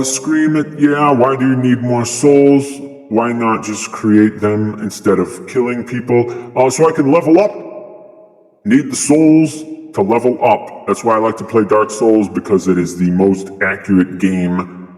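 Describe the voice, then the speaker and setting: A man playing a smug, callous God on a game livestream, answering viewers' questions in a deadpan, sarcastic way. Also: medium pitch, measured pace, long reverb tail, lightly acted. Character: smug, callous male God character, cruel and casual. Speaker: streamer in character. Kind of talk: in-character livestream chat.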